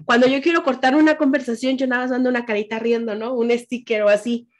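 Chatty Mexican woman, fairly high voice. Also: fast. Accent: Mexican Spanish. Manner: animated, chatty, lots of fillers and quoted asides. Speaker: podcast host. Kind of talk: casual chat.

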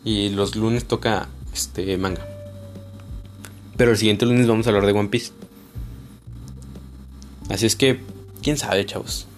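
A man's voice: on the low side, fairly even intonation, a little slow, pauses often, soft background music. A young man from northern Mexico with a Juárez accent, hosting a casual solo podcast in a loose, rambling, slangy way full of fillers. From Ciudad Juárez, northern Mexico. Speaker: podcast host.

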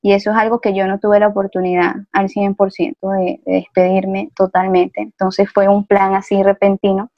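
A woman, an interview guest, telling her story in a reflective, measured way. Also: mid-range voice, little pitch movement, no room sound. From Venezuela. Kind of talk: conversational interview. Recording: dry, dull lo-fi sound.

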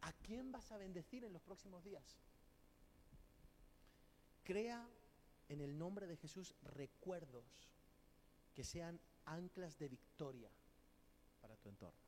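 A man's voice: on the high side, expressive, slow, long pauses, a little mellow, slight background noise. A man from preaching a sermon, emphatic, asking rhetorical questions and acting out quoted people. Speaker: pastor.

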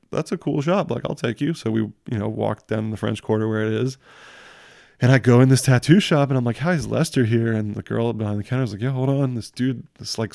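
A young man, a guest telling tattoo stories, rambles through a casual chat full of slang, fillers and swearing in every sentence. His mid-range voice is gravelly and warm, in clean studio sound without echo.

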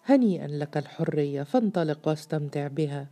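Anxious, pleading storybook police chief, read by a woman, low and mellow. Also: expressive, fairly quick, faint music behind. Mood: hopeful. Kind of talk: storybook reading.

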